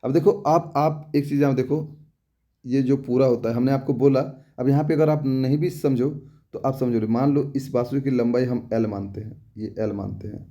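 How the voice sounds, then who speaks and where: Very dark-voiced man teaching physics. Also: mid-range voice. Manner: repetitive, asks rhetorical check questions, homely examples. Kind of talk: casual explanatory lesson.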